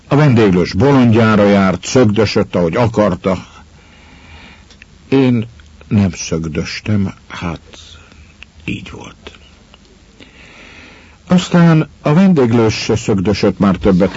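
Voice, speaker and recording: Male actor as a grave, brooding confessor, a low husky voice with lively pitch, on a dull lo-fi recording. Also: no echo, heavily acted. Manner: grave, measured storytelling that drops to hushed whispers. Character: brooding man confessing a killing to his lover's child. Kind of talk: dramatic monologue.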